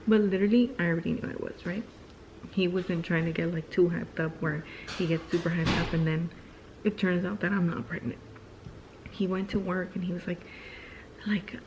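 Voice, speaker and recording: A young woman chats through a personal story in a loose vlog style, filling her sentences with "like" and acting out what people said. Her voice sits at an ordinary middle pitch. The recording is a little dull, with a faint noise underneath. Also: a little mellow. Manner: chatty, heavy use of "like", acts out quotes. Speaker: vlogger. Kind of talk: casual storytime chat.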